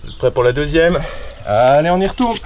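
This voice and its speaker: A man's voice: fairly high pitch, expressive, brisk, background noise. A male fitness coach leading a home workout, upbeat and chatty, counting reps aloud between casual asides. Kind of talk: guided home workout instruction.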